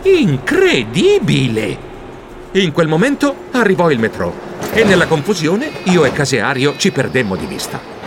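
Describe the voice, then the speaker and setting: A man narrating a children's storybook in the first person, expressive and flustered. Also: on the high side, moderate pace, noisy background. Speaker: audiobook narrator.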